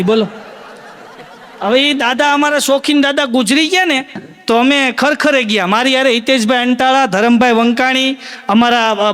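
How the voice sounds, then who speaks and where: A man's voice: very high-pitched, big-room sound. A man telling comic folk stories to a live audience in a Kathiyawadi Gujarati accent, acting out the voices of the people in his tales. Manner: lively anecdotal delivery, acting out quoted voices. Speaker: stand-up comic storyteller. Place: stage show before a live audience.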